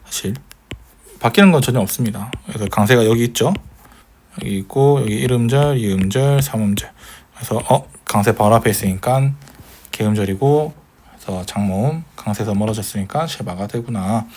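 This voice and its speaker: A man's voice: fairly low pitch, a little fast, a little mellow. Patient man teaching grammar. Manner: patient, explains step by step with fillers; addresses students politely. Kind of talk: recorded online lecture.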